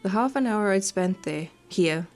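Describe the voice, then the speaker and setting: With music running underneath, this woman hosts a gaming video, joking casually and reading the on-screen text aloud. She sounds animated yet measured, her mid-range voice a touch mellow.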